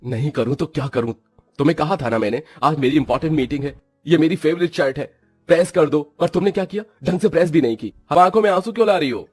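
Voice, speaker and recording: Impatient young husband in a storybook drama, always complaining, as a man acts him, husky highish voice, dry. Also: expressive, a little fast, a little mellow, dry recording, soft background music. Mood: angry.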